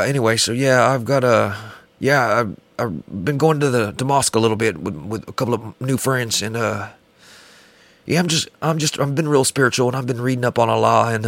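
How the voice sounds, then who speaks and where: Brief: a comedy co-host with a dry, gravelly delivery, rambling and deadpan. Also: male voice, medium pitch, normal speed, no room sound. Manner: rambling deadpan absurd bits, many restarts. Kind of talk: casual comedic banter.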